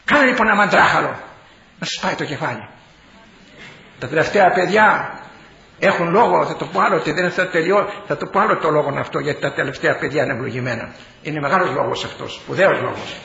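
A man's voice: a little high, vocal fry, bright, forceful tone. An older man, a bishop, giving a fiery sermon-style speech, exclaiming and repeating his phrases. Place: large hall. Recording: dull echoey hall recording.

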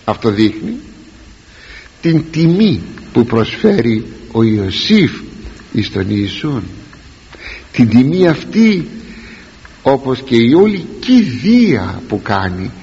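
Male preacher, husky timbre, dull lo-fi recording, big reverberant church hall. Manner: animated, rising to emphatic peaks and dropping low. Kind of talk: sermon.

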